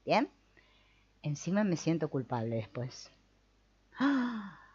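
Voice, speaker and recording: A woman teaches a spiritual lesson in a low voice that swings widely in pitch. She slips into little acted inner voices to make her points. The recording sounds a bit dull and lo-fi. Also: measured pace. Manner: lively, acts out inner voices. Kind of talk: teaching a talk on the mind.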